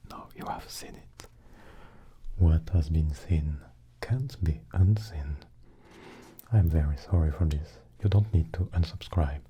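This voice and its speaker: Using a close microphone, an ASMR channel host whispers softly and mostly unvoiced to his viewers, speaking slowly and haltingly while drifting in and out from the mic. His bass voice comes through a muffled recording with slight background noise.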